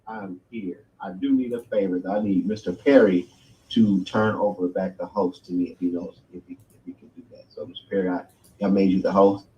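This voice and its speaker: A middle-aged man, a grandfather, giving a motivational business pitch on a video call, peppering his talk with "right?" and "guys" and hoarse from losing his voice. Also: fairly even intonation, brisk, mellow, muffled recording. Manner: hype, repeats "right?" and "guys".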